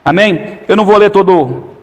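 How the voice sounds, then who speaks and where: A pastor whose voice sits high for a man preaches a sermon, often turning to the congregation with quick questions and calls for an amen. A long reverb from the church hall rings through the sound.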